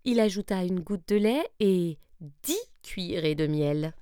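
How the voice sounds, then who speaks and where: Expressive woman reading a children's story. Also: fairly low pitch, smooth, dry recording, studio quality. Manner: expressive, slow and deliberate.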